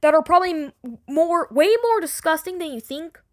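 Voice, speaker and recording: A woman giving an unscripted, defensive personal explanation to an online audience, rambling and halting with repeated words and casual swearing. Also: very high voice, animated, a little mellow. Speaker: online creator addressing the audience. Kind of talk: unscripted personal apology and self-defence video.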